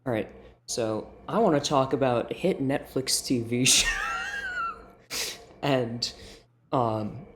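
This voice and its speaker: A man's voice: medium pitch, slow pace, long pauses, a little hiss or hum. A man co-hosting a casual podcast, with a wry, mocking way of talking. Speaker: podcast co-host.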